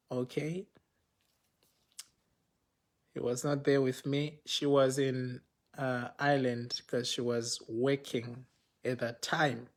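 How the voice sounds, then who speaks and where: A man casually telling a personal story to viewers, acting out the dialogue and using many fillers like "you know" and "okay". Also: medium pitch. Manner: animated, acts out dialogue in retelling.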